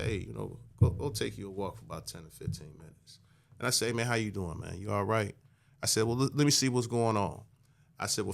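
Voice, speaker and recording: A man in his fifties from Michigan, a podcast guest telling stories in a calm, measured, conversational way and often adding "you know". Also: creaky. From Michigan, USA. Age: 50s. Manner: calm and measured, low-key, frequent "you know" asides. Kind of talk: conversational storytelling.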